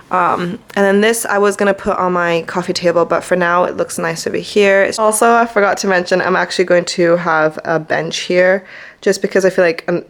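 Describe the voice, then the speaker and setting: A woman chats to a handheld vlogging camera while walking through her flat. Her voice sits a bit low and her talk wanders, full of little fillers and restarts. It sounds like a relaxed home tour. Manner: chatty, rambling, many fillers. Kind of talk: casual home tour vlog. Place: flat, indoors.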